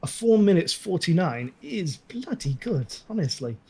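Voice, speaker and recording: A man's voice: sits high, sing-song, normal speed, mellow, breathy edge. A man commentating a live gaming tournament, chatty and laughing often.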